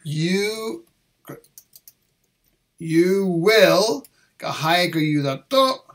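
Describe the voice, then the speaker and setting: Switching back and forth between English and Japanese, a man works through English test answers slowly, repeating every phrase with care. His voice is a little high for a man, expressive, and fairly bright.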